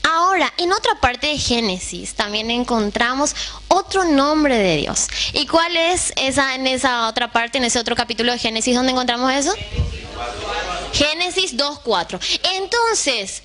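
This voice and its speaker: A woman's voice: high-pitched, animated, a little slow, pushed and bright. A woman teaching a Bible lesson to a class, often putting questions to the room and checking that they follow. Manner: keeps asking the class questions, checks in with "right?".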